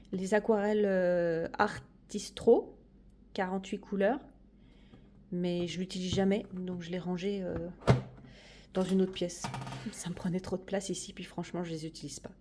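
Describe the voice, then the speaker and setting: A woman's voice: medium pitch, fairly even intonation, normal speed, long pauses, mellow. A woman chatting casually through a tour of her coloring corner, hesitant and friendly. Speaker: coloring hobby vlogger. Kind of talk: casual room tour chat.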